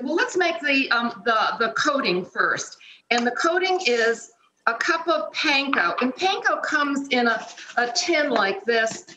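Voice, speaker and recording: A morning-show cooking segment features a middle-aged woman demonstrating a recipe step by step in a chatty way, broadcasting remotely from her home kitchen. She sounds high, pushed and bright, and the audio has kitchen reverb and slight noise.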